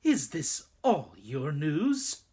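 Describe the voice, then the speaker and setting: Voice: mid-range voice, sing-song, extremely slow, mellow, husky, full character voice. A storyteller voicing a cruel, imperious witch queen who speaks in a raised, commanding voice. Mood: cold.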